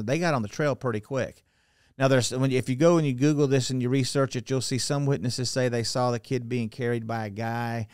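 A middle-aged man telling a story on a podcast in a book-lined study, speaking into a boom mic, animated and given to restarts, his voice dropping quietly at the ends of phrases. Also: smooth, dry recording, clean studio sound. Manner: animated, gestures a lot, restarts and trails off quietly. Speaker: podcast guest. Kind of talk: storytelling conversation. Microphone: studio mic on a boom arm.

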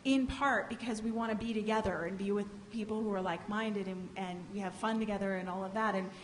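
A middle-aged woman panelist speaks at a medium pitch with fairly even intonation on a large conference hall stage, into a microphone on a table stand. She explains step by step in a measured way, restarting often. The hall is reverberant with a long echo and faint background hiss.

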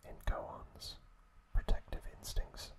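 A man whispers breathily close to the microphone, halting often with long pauses, as an ASMR host recapping a story.

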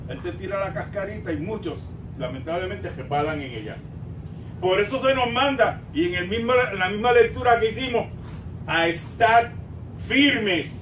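Standing at the pulpit indoors in a small church sanctuary, an older Puerto Rican man preaches a sermon with force, his Puerto Rican Spanish accent clear, alternating stretched-out emphasis with softer asides. The distant mic gives a roomy sound over rumbling noise.

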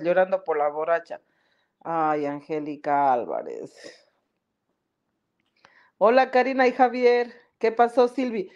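A woman's voice: medium pitch, a little mellow, dull audio. A woman hosting a casual live stream, chatty and laughing often as she greets viewers by name. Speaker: podcast live-stream host. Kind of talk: casual live-stream chat reading comments.

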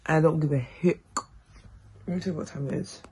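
A woman's voice: low-pitched, fairly quick, husky, poor audio. Sleepy young woman. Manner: loud, excitable, lots of slang. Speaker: vlogger. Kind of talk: casual vlog chat. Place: home, indoors.

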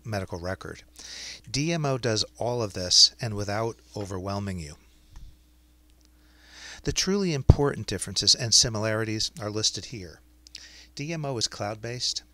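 Lowish, bright male explainer narration. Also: no echo. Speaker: software demonstrator.

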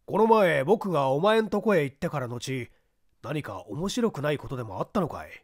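A woman voicing a calm, educated gentleman who asks measured, gentle questions. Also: low-pitched, dry recording, studio quality, voice pushed down.

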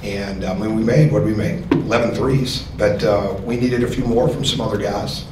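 A middle-aged basketball coach fields questions at a postgame press conference in a press room with a sponsor backdrop, speaking earnestly and often repeating words as he thinks. His voice is lowish and steady at a moderate pace. Recorded through a distant podium mic, the audio is echoey and noisy.

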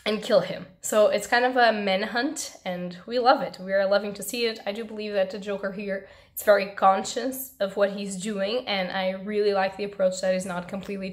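A young woman with a hoarse, strained voice, chatting expressively to camera as she reviews books in a room at home. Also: medium pitch. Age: young adult. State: hoarse, losing her voice. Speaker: book reviewer and channel host. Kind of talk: casual chat to camera, book review.

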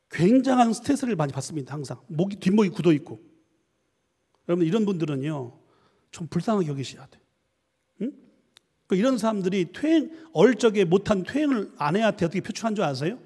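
Middle-aged male lecturer, high lively voice, husky edge, long hall reverb. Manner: animated, acts out quoted spouses with shouts and mock voices. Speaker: professor teaching church leaders. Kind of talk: lecture to a church group.

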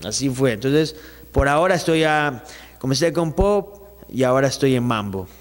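Speaking into a handheld mic the interviewer holds, a young adult man from Ecuador, a singer, chats casually and animatedly on a small indoor studio set. His voice is medium-pitched and moderately paced, with big-room sound and a little hiss or hum. He gestures with his hands and frequently restarts sentences.

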